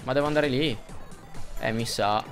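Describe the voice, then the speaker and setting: A young man doing gameplay commentary, excitable, repeating himself and yelping when things go wrong. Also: medium pitch, normal speed, music in the background. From Italy. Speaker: gaming youtuber.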